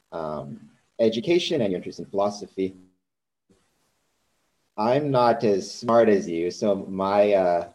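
Male podcast host, low mellow voice, hesitant and halting. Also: rough recording. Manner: hesitant, many ums and restarts. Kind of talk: conversational interview.

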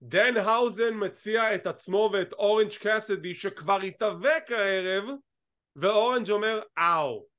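On this wrestling chat show, the co-host is a man whose voice is light and high; he banters in an animated, playful way, mixing in bits of English as the casual conversation rolls on.

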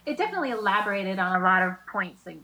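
Woman, podcast guest, thoughtful, halting restarts, mid-pitched voice, video call. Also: big pitch swings, bright, forceful tone, poor audio. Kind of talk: casual chat.

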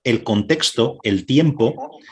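A man's voice: mid-range voice, lively intonation, slow pace. Thoughtful male interviewer. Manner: thoughtful, searching for words, repeats himself. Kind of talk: conversational interview.

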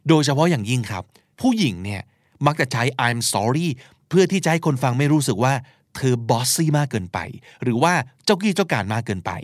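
A man's voice: medium pitch, dry recording, studio quality. A man hosting a podcast, teaching and explaining vocabulary, spelling out words and acting out short examples. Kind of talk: explanatory language lesson talk.

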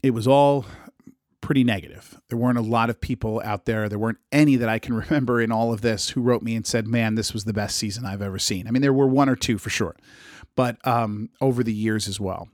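A man with a strained, struggling voice, talking casually and a bit haltingly as he hosts a solo podcast. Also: medium pitch, steady tone, darkish tone, no room sound, clean studio sound. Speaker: podcast host and radio DJ.

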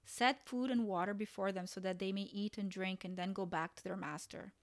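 A woman reading the lines of a calm, reassuring ancient prophet in a Bible story. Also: medium pitch, a little fast, no echo, lightly acted.

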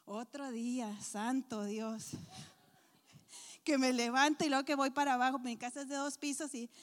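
High-voiced woman telling comic stories. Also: normal speed, long reverb tail. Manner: animated, acts out voices and groans. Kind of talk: comic storytelling to a church women's audience.

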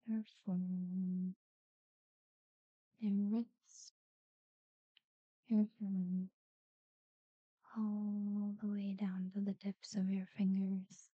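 Woman doing a sleep talkdown, soft breathy whispery spa voice, super slow, kinda muffled recording. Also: medium pitch, little pitch movement, no room sound. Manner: soothing, unhurried, with long pauses between short phrases. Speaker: guided relaxation narrator. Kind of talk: guided sleep meditation talkdown.

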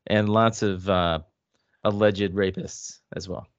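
A man's voice: fairly low pitch, fairly even intonation, takes it slowly, no room sound. A wry man tosses off sarcastic remarks in casual sports talk. His voice sounds dry and slightly muffled, as if recorded lo-fi. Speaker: podcast co-host.

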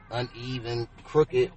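A man talking as a guest in a casual late-night chat, slow, blunt and profane. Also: mid-range voice, far from the mic. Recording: off-mic with clear music behind.

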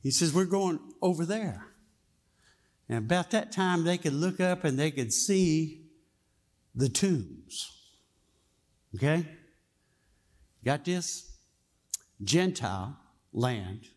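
Male pastor, fairly high voice, slow folksy sermon delivery. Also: expressive, a little mellow. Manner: folksy storytelling, asks the congregation questions.

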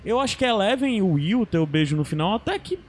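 High-voiced man chatting casually. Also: sing-song, fast talker, darkish tone. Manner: casual, slangy, rambling with fillers. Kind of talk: casual chat.

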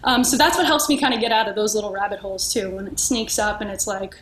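A woman's voice: medium pitch, steady tone, quick pace, fairly bright tone. A woman podcast guest talking earnestly and reflectively, searching for words and restarting often. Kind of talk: reflective conversational sharing. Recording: echoey room with faint noise.

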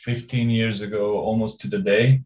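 Guy in his 40s from hungary, kinda low voice, lots of uhs and likes, laughs a bunch. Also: steady tone, normal speed, a little mellow, low-quality recording. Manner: rambling, hesitant, laughs often. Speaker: interview guest. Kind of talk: casual conversational interview.

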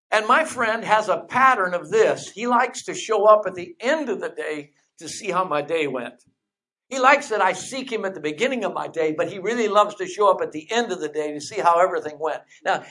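A preacher delivering a sermon who repeats refrains and asks rhetorical questions, slows down to stretch key phrases, and drops into conversational asides. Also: medium pitch, a bit bright.

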